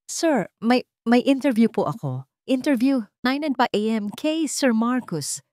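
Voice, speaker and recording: A woman voices an earnest, nervous young male job applicant in a dramatic story, pitching above her own natural voice. He sounds animated, polite and pleading, speaking a little slowly in a fairly high voice with a darkish tone. The recording is dry and studio quality.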